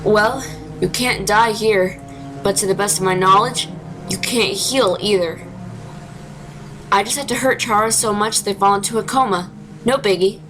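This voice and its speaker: A woman's voice: mid-range voice, normal speed, pauses often, noisy background, lightly acted. Woman as Geno, a bitter wounded skeleton. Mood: grim, defensive. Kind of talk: dramatic comic dub acting.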